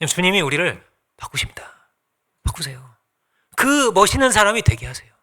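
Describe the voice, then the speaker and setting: A man's voice: high voice, big pitch swings, normal speed, pushed and bright. A man pastor preaching a sermon in a conversational way, asking the congregation questions and acting out little quoted exchanges.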